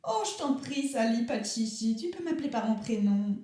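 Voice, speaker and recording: A woman's voice: fairly high pitch, expressive, a little fast, mellow, heavy reverb, close to an everyday voice. A woman playing a grand, theatrical national actress who is fearful and fussy, speaking in an affected, precious and rambling way in a comic radio sketch.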